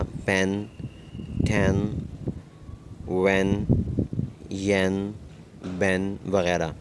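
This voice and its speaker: A man giving a recorded pronunciation lesson, speaking slowly and carefully and repeating each example word twice. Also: lowish voice, a little hiss or hum. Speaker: English teacher.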